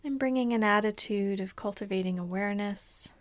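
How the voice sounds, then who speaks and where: Soft and breathy, the medium-pitched voice of a woman meditation teacher often fades almost to a whisper. She guides listeners through a body scan with calm, soothing, unhurried delivery.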